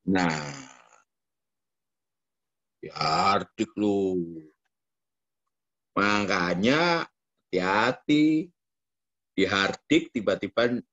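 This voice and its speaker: Animated Javanese-accented preacher man. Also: muffled recording. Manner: animated, jumps into high mock voices and quoted asides. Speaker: pastor. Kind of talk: lively sermon.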